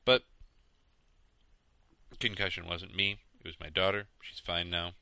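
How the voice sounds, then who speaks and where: Tired, bright-toned male podcast host. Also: low-pitched, measured pace, clean tone, no echo. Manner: relaxed, rambling, tired late-night delivery with yawns. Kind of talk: casual solo podcast chat about games.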